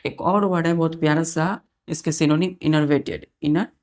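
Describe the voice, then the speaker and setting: This woman teacher runs an English vocabulary lesson for exam students, spelling each word letter by letter and repeating its meaning. She keeps questioning the children to check they follow. Her voice is low and steady, slightly quick, and a little mellow.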